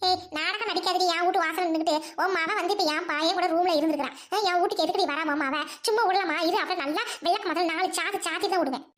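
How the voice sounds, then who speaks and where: A woman's voice: very high-pitched, steady tone, fast, few pauses, fairly bright tone. A woman voicing a furious village mother who scolds hard and hurls insults in an audio drama. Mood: scornful. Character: furious rich village mother, harsh and scornful.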